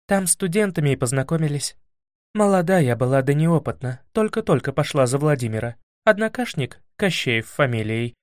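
A man voicing a shrewd grown princess in an audiobook, calm, commanding and lecturing. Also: a little high, dry recording, clean studio sound, lightly acted. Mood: recounting. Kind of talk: audiobook character voice.

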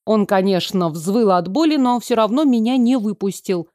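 A woman reading a first-person novel aloud in a lively, wry storytelling manner. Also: mid-range voice, normal speed, no echo, clean studio sound. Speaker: audiobook reader. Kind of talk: first-person fiction narration.

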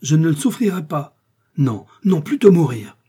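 A man's voice: mid-range voice, normal speed, warm tone, breathy edge, close to an everyday voice. A man reading the part of a proud, defiant queen with a haughty manner. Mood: outraged. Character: proud indignant queen, woman, imperious.

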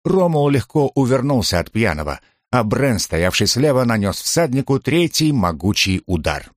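A man with a mid-range voice reads an audiobook's scripted narration at a moderate pace, in a steady, dramatic storytelling manner. The recording is dry, with clean studio sound.

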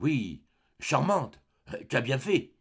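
A shaken middle-aged mother speaks in a soft, trembling, halting voice, as a male narrator reads her part. The voice is slightly gravelly and moves up and down with feeling in an audiobook reading. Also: mid-range voice, big pitch swings, heavily acted. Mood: hesitant. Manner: trembling, hesitant, soft-spoken.

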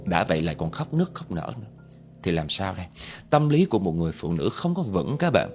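A man's voice: low-pitched, big pitch swings, brisk, a little mellow, faint music behind. A man telling a spooky story dramatically and speaking directly to his listeners. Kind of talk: spoken horror storytelling.

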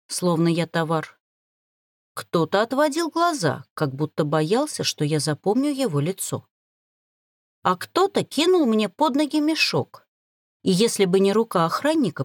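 A woman narrating a first-person novel in an expressive, dramatic reading. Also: lowish voice, no room sound, studio quality. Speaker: audiobook narrator.

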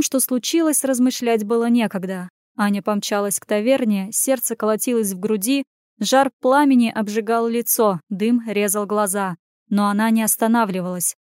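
A woman reading a fantasy story aloud in brisk, even narration. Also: fairly high pitch, no echo, studio quality. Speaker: audiobook narrator.

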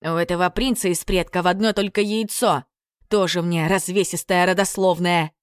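A blunt young fairy-tale hero snaps back in a low, gruff voice, as a woman reader plays him. The sound is dry and close. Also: fairly even intonation, normal speed, dry recording, natural voice. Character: brash young male hero, blunt and stammering.

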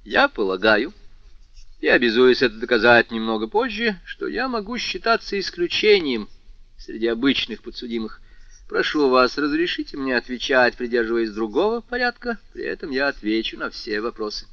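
A man voicing a calm, courteous young male defendant who answers with cool mockery, in a storybook reading. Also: medium pitch, normal speed, no room sound, muffled recording. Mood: polite defiance. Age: young adult. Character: young male defendant, coolly insolent and polite.

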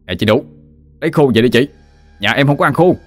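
A man's voice: medium pitch, brisk, faint music behind, pitched above the performer's own voice, close to an everyday voice. A man voicing a polite young man, calling out in a friendly, urging way.

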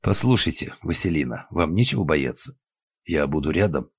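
A man voicing a calm, persistent male investigator who speaks in a measured way, with a husky voice. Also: sits low, no echo, studio quality.

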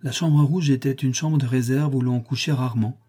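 A man narrating a classic novel as an audiobook in a measured, descriptive reading. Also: medium pitch, steady tone, warm tone, slightly rough.

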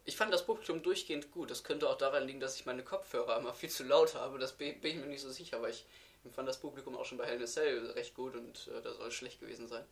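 A man co-hosting a laid-back podcast and talking through a match review. His voice stays quiet, and he rushes his words when he means to speak up. He sounds like a relaxed, ordinary conversational speaker. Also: mid-range voice, creaky. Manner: speeds up instead of getting louder; soft-spoken, talks quietly. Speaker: podcast co-host. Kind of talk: casual wrestling review chat.

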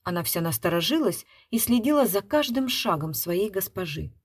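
A woman's voice: mid-range voice, animated, moderate pace, breathy edge. Woman reading a story aloud expressively. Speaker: narrator. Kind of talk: literary reading.

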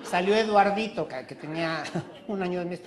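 A man's voice: sits high, normal speed, heavy background noise. A man with a Mexican accent doing crude stand-up storytelling, acting out every character with shrieks and put-on voices. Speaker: stand-up comedian. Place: live comedy show with audience. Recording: live show with loud crowd laughter.

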